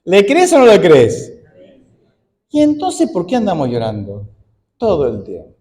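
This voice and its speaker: An Argentine pastor in his forties, preaching in a conversational way and peppering the congregation with rhetorical questions. His pitch swings widely, and his voice is warm and mellow. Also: wildly swooping pitch, unhurried. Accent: Argentine Spanish. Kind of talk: sermon.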